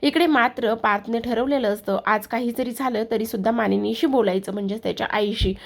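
Woman narrator recapping a serial; chatty, somewhat high, with gravelly texture. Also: a little fast. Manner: chatty, addresses viewers directly. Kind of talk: casual retelling of a TV serial episode.

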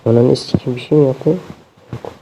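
A man's voice: medium pitch, fairly even intonation, moderate pace, background noise. A young man commentating a game as he plays, swearing constantly and sounding exasperated. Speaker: gameplay streamer. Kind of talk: let's play commentary. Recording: dull lo-fi sound.

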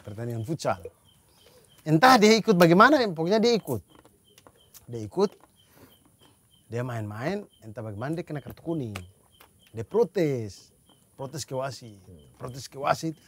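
A man's voice: mid-range voice, sing-song, normal speed, long pauses, a bit bright, slight background noise. A young man in a casual chat, telling a funny story and repeating words for comic effect. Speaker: podcast co-host.

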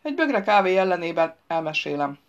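A woman reading as a sleepy, deadpan man. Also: on the low side. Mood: grumbling deadpan. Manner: dry, deadpan retorts. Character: sleepy, grumpy, wisecracking man in a toga. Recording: dull lo-fi recording.

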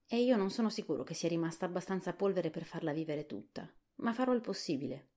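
A woman voicing a nervous, earnest young boy in a soft whispered role-play audiobook. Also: fairly low pitch, lively intonation, quick pace. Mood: worried. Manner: earnest, worried.

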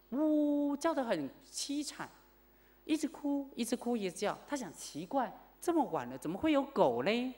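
A woman Buddhist nun teaching a class, telling a story with lively asides and questions to her listeners. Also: mid-range voice. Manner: animated, asks the class questions. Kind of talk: storytelling sermon lecture. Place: Buddhist centre lecture hall.

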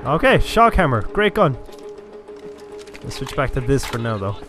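A chatty gaming channel host from Cork, Ireland, with an Irish accent, gives casual commentary on a first-person shooter walkthrough, swearing now and then. His medium-pitched voice is very animated at a moderate pace, over game music and gunfire.

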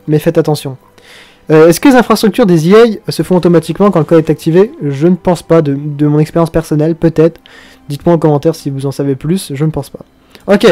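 Young male tutorial host, chatty and profane, slightly high and mellow, faint music under him. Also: dry recording. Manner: chatty, swears, mock-dramatic outbursts. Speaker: video game tutorial host. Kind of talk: casual screen-recorded game tutorial.

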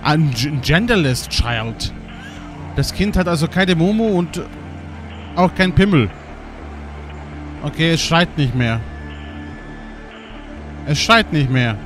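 A young man giving casual, excitable gaming commentary, swearing and laughing often as he plays. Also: a little high, takes it slowly, pauses often, over music. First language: German. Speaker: let's play gamer.

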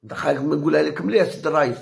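High-voiced, heated Algerian man. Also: very fast, vocal fry. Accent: Algerian Arabic. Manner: heated, repeats phrases for emphasis. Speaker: channel host. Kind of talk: impassioned direct-to-camera rant.

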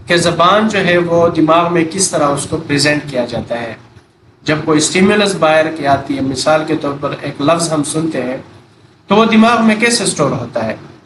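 A male teacher gives a lecture, explaining terms step by step and checking in often to ask if it is clear. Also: a little high. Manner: mixes English terms into Urdu. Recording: echoey room with background noise.

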